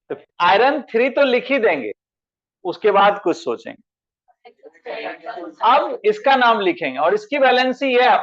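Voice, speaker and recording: A man's voice: high voice, a bit bright, muffled recording. A male chemistry teacher giving an online class lecture, calling students by name and asking them questions. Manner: addresses students as beta, asks them questions.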